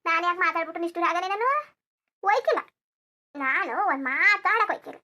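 A woman's voice: high voice, level tone, fast talker, fairly bright tone. A woman voicing a put-upon young village daughter-in-law and mother in a cartoon, rambling on with her grievances. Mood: venting. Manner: complaining, rambling grievance monologue. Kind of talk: cartoon voice acting.

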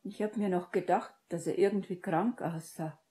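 A woman reading an audiobook and voicing a gentle young witch who speaks softly and with concern. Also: lowish voice, fairly even intonation, moderate pace, voice pushed up, natural voice. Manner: soft, quiet, concerned.

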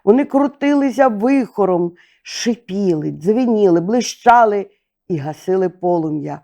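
An older woman narrates a bedtime fairy tale with a gentle, expressive read. Her voice has a gravelly texture, and she takes her time, lingering on the words. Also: medium pitch. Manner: slow, expressive, gentle reading. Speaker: storyteller.

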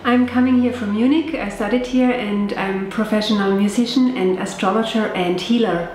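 A woman's voice: mid-range voice, steady tone, normal speed, a little mellow, a little hiss or hum. A middle-aged woman giving an earnest testimonial in a small clinic room, often searching for words. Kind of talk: interview testimonial. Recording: very echoey room.

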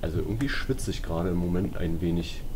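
Speaking quickly and expressively in a low-sitting voice, this German-accented let's player reacts to a horror game with casual, jumpy commentary. He exclaims often and talks to himself, while game music and sounds make the background noisy.

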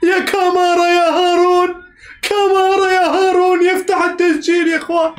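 A man giving excitable live match reaction commentary, cheering players on, shouting and repeating phrases. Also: extremely high pitch, brisk. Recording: echoey room.

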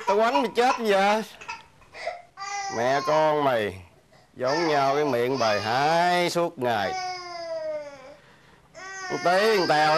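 A man's voice: on the high side, background noise. An actor playing a drinking, self-pitying husband and father with a Southern Vietnamese accent, slurring and whiny. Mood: drunken. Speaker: drunken husband. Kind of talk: rural comedy film acting.

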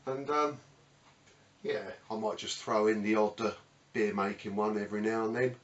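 A middle-aged British man with a low voice hosts a woodworking channel, casually touring his small, cluttered home workshop without a script. His intonation stays fairly even at a normal speed, and the lo-fi, slightly bright sound comes from a camera mic a few metres away, roomy and distant with faint background noise.

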